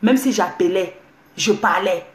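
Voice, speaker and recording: A woman's voice: mid-range voice, unhurried. Woman with ranting on a phone livestream, defiant, echoey room. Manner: indignant, defiant, repeats herself. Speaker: social media livestreamer. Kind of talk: heated livestream rant. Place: at home, indoors.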